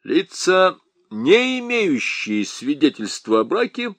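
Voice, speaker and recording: A man's voice: sits high, sing-song, takes it slowly, fairly bright tone, dry recording, voice pushed up, full character voice. A man playing a smug army lieutenant who teases with fake innocence and drones in officialese. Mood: droning officialese. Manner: mock-innocent, then droning officialese. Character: mocking young male army lieutenant, smug bureaucrat.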